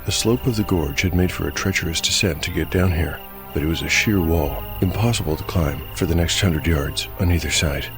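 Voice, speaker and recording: Acting as game master, a deep-voiced man narrates a dark fantasy story. He reads from a script at a measured pace, and soft music plays beneath him.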